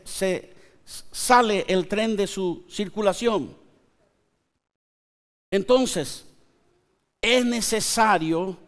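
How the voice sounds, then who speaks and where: Male pastor, high voice, slow emphatic preaching. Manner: preaching with slow emphatic pauses, conversational asides to the congregation. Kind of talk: sermon. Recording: long church hall reverb.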